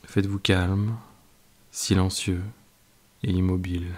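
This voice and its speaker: Leading a guided yoga nidra session, the French meditation guide speaks softly in a deep voice, keeping his delivery calm and slow.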